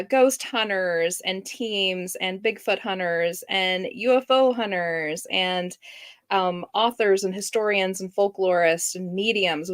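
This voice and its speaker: A woman's voice: fairly low pitch, a bit bright. A woman co-hosting a podcast in casual, chatty conversation. She laughs often and speaks over a streamed video call. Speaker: podcast co-host.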